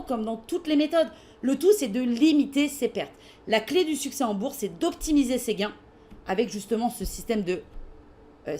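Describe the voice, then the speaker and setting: French woman, webinar presenter, fairly high voice, hesitant and casual, frequent fillers. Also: darkish tone. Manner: casual and hesitant, many fillers, answers questions while reading them. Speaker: webinar presenter for trading software.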